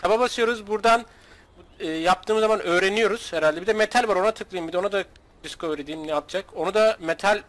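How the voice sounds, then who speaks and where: Gaming host, man from Turkey, high voice, excitable, joking and foul-mouthed. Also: quick pace. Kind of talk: casual gaming commentary with a friend.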